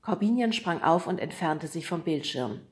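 A woman reading a children's book aloud as audiobook narrator, calm and clear. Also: deep voice, moderate pace. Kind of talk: scripted narration.

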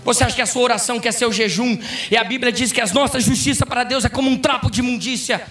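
A pastor delivers a fervent sermon in a strikingly high, sharp voice, rising into shouts. He sounds set back from the microphone, with soft music playing behind him. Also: fairly even intonation, fast talker, distant mic. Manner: fervent preaching, bursting into shouts. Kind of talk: impassioned sermon. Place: church conference hall.

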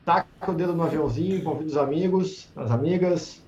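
A man's voice: a little high, a little hiss or hum. Guy hosting a book club stream, chill and chatty, roomy muffled audio. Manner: relaxed, chatty, laughs easily, reads passages slowly. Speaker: host of an online book club. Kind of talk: casual live-stream chat.

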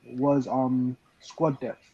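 A man's voice: medium pitch, level tone, very slow, warm tone, breathy edge, no echo. A man giving his view as a fan in a casual panel chat, on a dull lo-fi recording. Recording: dull, dry lo-fi sound.

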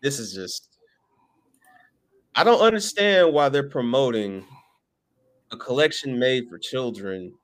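A man's voice: medium pitch, expressive, measured pace, long pauses. A man hosting a casual podcast, joking and emphatic. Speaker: podcast host.

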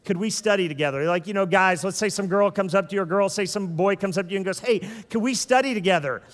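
A high-voiced man in his thirties preaches with loose, conversational energy, slipping into joking asides to the room. His voice rings out with a long, hall-like reverb behind it. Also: fast, fairly bright tone. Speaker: pastor. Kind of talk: sermon.

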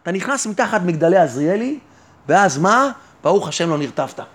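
A man with a strikingly high voice preaches a fervent sermon as a rabbi. He addresses the listener directly, firing off rhetorical questions and answering them himself. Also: big pitch swings. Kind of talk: sermon on faith and trust.

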